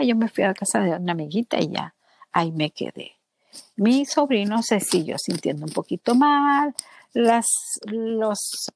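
A woman tells a personal story in conversation, earnest and lively, speaking about her faith. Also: medium pitch, gravelly, dry recording. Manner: animated, acts out other people's words in quotes.

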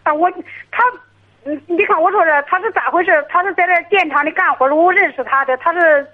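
A middle-aged woman calling in to an advice show, talking haltingly with many restarts over a tinny phone line. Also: very high voice. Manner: halting, hesitant, restarts often. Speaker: caller.

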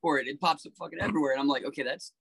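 A man talking casually as a podcast guest, animated, swearing freely and pitching story ideas. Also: very fast, gravelly, breathy edge, dry recording, rough recording.

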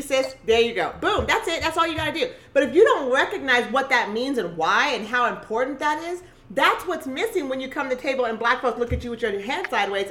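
A woman in casual conversation, talking in an animated and emphatic way. Her voice sits fairly high, and her tone is bright. She often breaks off and restarts her sentences. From Costa Rica.

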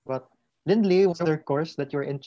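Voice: medium pitch, brisk, dark tone. An interviewer on a video call, politely reading out an audience question while the connection breaks up. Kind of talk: online interview. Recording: dull, dry lo-fi video call audio.

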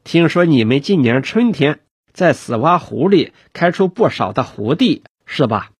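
A man doing a brisk, joking county official. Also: on the high side, lively intonation, husky, no room sound. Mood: chatty. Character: brisk, good-humoured male county official.

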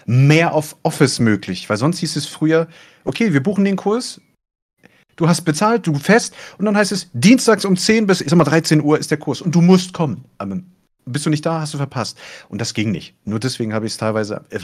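A man who commentates esports, chatting casually and letting his voice deliberately rise and fall as he talks. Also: lively intonation. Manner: deliberately rises and falls in pitch while telling. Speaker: esports caster. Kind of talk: casual podcast chat.

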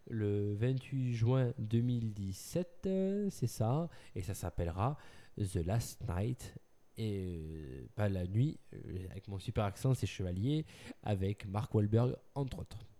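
A man with a very dark, mellow voice chats casually about film news. He is playful and teasing, often laughing as he quizzes his co-host. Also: fairly low pitch, animated, measured pace.

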